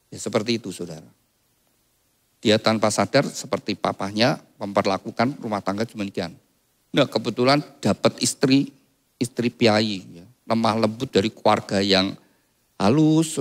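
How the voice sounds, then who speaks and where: A male pastor delivering a wedding sermon in a church. His delivery is lively, with his voice leaping higher to press a point and then settling back down. He acts out the dialogue of the people in his stories. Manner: animated preaching, voice rising high for emphasis; acts out quoted dialogue within the story.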